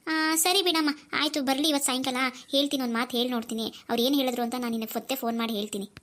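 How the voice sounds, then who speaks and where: Woman putting on a sweet cartoon mom voice, high pitched, fussing over her daughter. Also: fairly even intonation, rapid-fire, fairly bright tone. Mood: fond, chatty. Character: caring older mother on the phone.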